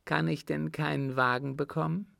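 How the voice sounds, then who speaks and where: A man's voice: on the high side, steady tone, moderate pace, vocal fry, fairly bright tone, no echo, clean studio sound, voice pushed up. A man voicing an indignant, flustered nobleman who asks raised, incredulous questions.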